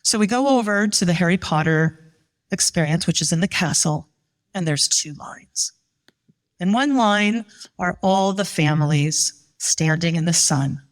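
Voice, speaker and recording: Middle-aged woman storyteller, a bit low, animated, acts out quotes, live show. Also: unhurried. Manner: animated, voices the people she quotes.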